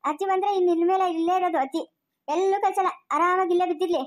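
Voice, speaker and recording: A woman's voice: extremely high pitch, fairly even intonation, very fast. A woman acting out a family quarrel drama, playing every role herself in a scolding, quarrelsome way and switching between characters. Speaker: solo actor playing a whole family.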